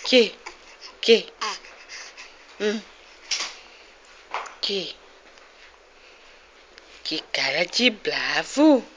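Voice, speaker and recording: A woman's voice: mid-range voice, very animated, very slow, long pauses, fairly bright tone, slight background noise. A mother, cooing at her baby at home in playful, sing-song questions, recorded on a phone. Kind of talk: baby talk to an infant. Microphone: phone held close.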